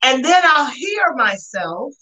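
A woman's voice: high-pitched, big pitch swings, slow pace, pushed and bright, rough recording. A woman co-hosting a faith talk show, speaking casually with slang and repeating phrases for emphasis. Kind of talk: casual conversational religious discussion.

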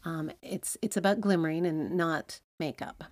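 A middle-aged woman chats on a podcast from inside a cramped clothes closet. Her voice sits a little low and sounds very dry, with no room ring at all. She talks easily and agrees often. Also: steady tone, normal speed, darkish tone, dry recording. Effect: recorded inside a closet, dry and close. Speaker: podcast co-host. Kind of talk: casual podcast chat.

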